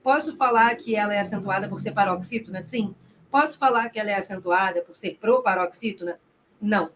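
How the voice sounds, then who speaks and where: A woman Portuguese teacher giving a recorded exam-prep grammar lesson, speaking directly to the student, asking herself rhetorical questions and drawing out key terms slowly for emphasis. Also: mid-range voice, fairly bright tone, slight background noise.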